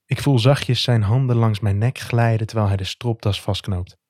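Low, mellow man reading an intimate story. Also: fairly even intonation, dry recording, studio quality. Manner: soft, intimate, measured reading. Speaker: narrator. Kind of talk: first-person romantic story narration.

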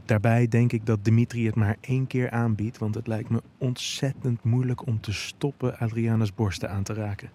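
A man's voice: fairly low pitch, warm tone, slight background noise. A man giving intimate first-person narration of an erotic audio story.

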